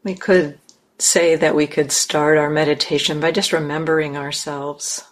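Her voice low and her tone level, a female meditation teacher leads a guided session using brief, carefully paced phrases separated by pauses.

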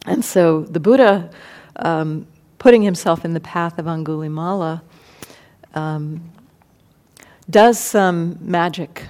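A woman meditation teacher giving a dharma talk, thoughtful and unhurried, pausing and restarting as she explains. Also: on the low side, darkish tone. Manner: thoughtful, many fillers and restarts. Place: meditation hall.

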